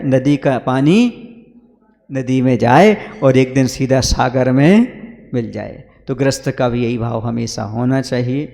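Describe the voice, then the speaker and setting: A Jain monk giving a sermon to a gathering, calling listeners brothers and putting questions to them. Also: male voice, mid-range voice, vocal fry, dark tone, long reverb tail.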